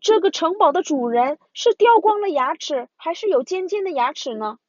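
A woman's voice: very high-pitched, lively intonation, moderate pace, no echo, muffled recording, pitched above the performer's own voice. A woman voicing a clever, curious little boy bear cub in a storybook reading. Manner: bright, eager questioning.

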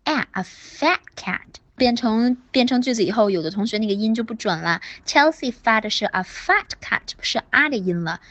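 A woman teaching pronunciation in an online class, stretching vowels slowly and repeating words, with encouraging praise. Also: a little high, expressive, dry recording, highs cut off.

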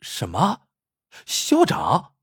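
A man's voice: mid-range voice, wildly swooping pitch, moderate pace, husky, dry recording, clean studio sound. A man voicing a pushy, hot-tempered male construction boss who talks in a brusque, scolding way. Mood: indignant.

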